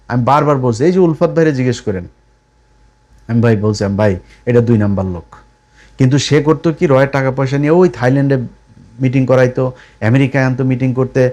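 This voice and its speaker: A middle-aged man delivers a live political monologue. He scolds and mocks, speaking straight at his opponents in a voice of ordinary, middle pitch. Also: darkish tone. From Bangladesh. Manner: scolding and mocking, addresses opponents directly. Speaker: political commentator.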